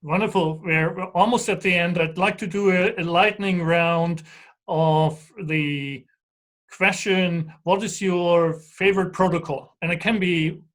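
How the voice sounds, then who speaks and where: A man moderating a panel discussion, brisk as he poses questions. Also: sits high, steady tone, fairly bright tone, rough recording.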